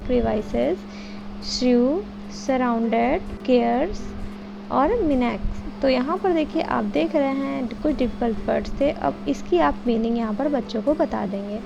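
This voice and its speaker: A woman with an Indian accent explaining a teacher-training lesson plan, reading English phrases slowly between explanations. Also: sits high, vocal fry. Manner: mixes Hindi explanation with slow read-out English phrases. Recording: dull lo-fi audio with background music.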